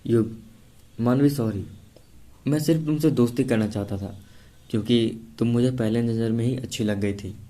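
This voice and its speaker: A man's voice: medium pitch, moderate pace, warm tone, close to an everyday voice. A man voicing a moody, lovesick young man with a short temper who snaps at his friend. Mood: heated.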